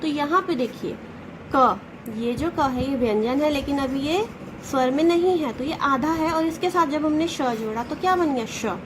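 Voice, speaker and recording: A woman teacher with a high voice walks young pupils through a grammar lesson step by step. She asks them questions and answers them herself, drawing out each letter slowly. A faint noise sits under the recording. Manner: patient, explains step by step, sounds out letters slowly. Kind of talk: Hindi grammar lesson for children.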